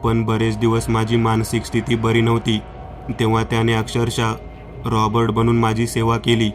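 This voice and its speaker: A man voicing a grieving, remorseful woman of seventy in a horror story, speaking slowly and sorrowfully. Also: fairly low pitch, completely flat delivery, music in the background, close to an everyday voice. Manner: slow, sorrowful, confessing.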